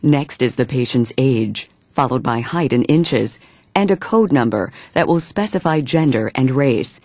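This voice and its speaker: A man reading scripted instructional narration in a measured, step-by-step manner. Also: medium pitch, animated, a little mellow, dry recording.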